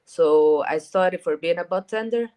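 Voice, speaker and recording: A woman from Rica, a guest chatting casually in an interview, talking in a halting way with repeated words and lots of fillers. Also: fairly low pitch, dark tone. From Costa Rica. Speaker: guest, cannabis events organizer.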